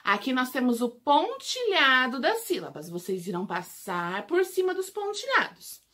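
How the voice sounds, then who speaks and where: Brazilian woman, teacher, small-children lesson, bright tone, high-ish voice. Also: sing-song. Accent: Brazilian Portuguese. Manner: slow, drawn-out syllable drills for small children. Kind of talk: remote lesson for young children.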